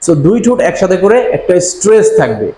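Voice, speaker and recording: A man teaching English pronunciation, slowly repeating each letter name as he switches between Bengali and English. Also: sits high, big pitch swings, mellow. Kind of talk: slow bilingual lesson, drilling letter names. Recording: echoey room with faint ambient noise.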